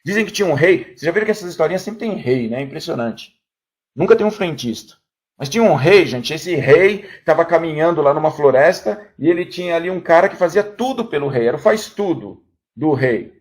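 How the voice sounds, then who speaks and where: A man's voice: a little high, expressive, a little fast, a little mellow. A man giving a company training talk, telling a parable and often calling out to his audience. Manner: storytelling, keeps addressing the crowd as "gente". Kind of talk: motivational talk to a room.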